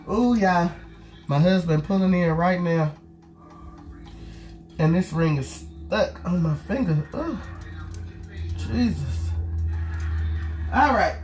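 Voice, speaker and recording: Slow-talking nasal woman hosting a cooking vlog. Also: on the low side. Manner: chatty, talks straight to viewers while cooking. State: congested and nasal from a cold. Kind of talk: casual cooking chat. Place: home kitchen.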